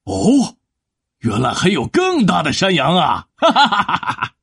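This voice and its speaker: A woman voicing a menacing, hungry male bridge troll in a storybook reading, with a gravelly, husky voice. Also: huge pitch swings, a little slow, fairly bright tone, no echo, clean studio sound, exaggerated voice. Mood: gloating. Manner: booming, gloating, swooping pitch.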